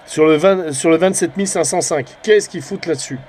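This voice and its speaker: A somewhat high-pitched man speaks a bit quickly in a darkish tone, with slight noise in the background. He's an amateur CB radio hobbyist hosting his own channel, rambling casually through a vlog, hesitating and often trailing off with small tag words.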